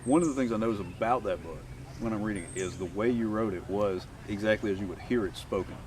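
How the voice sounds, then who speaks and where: Outdoors at a rural gathering, an interview host eagerly affirms his guest and sums up the lessons in a casual conversation. He talks fast in a lowish, slightly mellow voice, picked up by a distant mic amid the noise.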